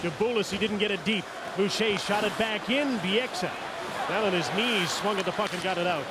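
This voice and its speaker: A man's voice: high voice, moderate pace. A man calling a live hockey game as the play-by-play commentator. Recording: loud arena noise behind commentary. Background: loud arena ambience.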